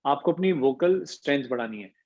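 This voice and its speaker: A man teaching an online voice class, mixing Hindi with English and demonstrating pitch with hums and slow pauses. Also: animated, a little mellow, lo-fi sound. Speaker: voice coach.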